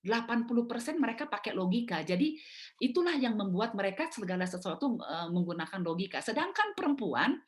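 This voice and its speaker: Middle-aged woman telling lively stories. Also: medium pitch, a little fast. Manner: lively, acts out family quarrels. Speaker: speaker at a mothers' prayer meeting. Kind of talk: storytelling talk. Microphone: video call.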